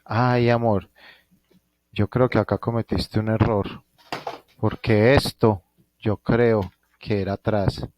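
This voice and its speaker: A man's voice: on the low side, little pitch movement, takes it slowly, pauses often, highs cut off. A Colombian man teaching a physics class online from home, thinking aloud and often checking in with his students. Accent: Colombian Spanish. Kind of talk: live online class lecture.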